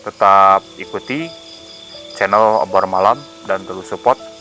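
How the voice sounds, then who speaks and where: A man narrating a scripted horror story in a quiet, deliberate manner. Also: low-pitched, steady tone, soft background music.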